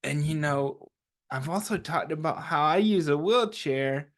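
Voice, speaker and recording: Reading aloud at a children's story time, a man encourages his young audience with chatty asides, regularly asking questions and responding to them himself. His voice is a little high, a little slow, and somewhat bright.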